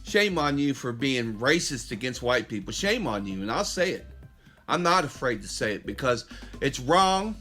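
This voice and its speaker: A middle-aged podcast host addresses his listeners directly in an impassioned, preachy opinion monologue, restarting often. His mid-range voice swings widely in pitch, with a sharp tone at a moderate pace, and faint music plays behind him.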